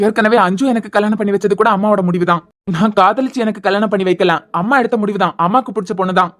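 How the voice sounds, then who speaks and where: A woman's voice: mid-range voice, rapid-fire, voice pushed down, lightly acted. A woman voicing a resigned young man in a cartoon serial, with a Kanyakumari Tamil accent. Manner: pleading, resigned. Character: meek young man deferring to his mother.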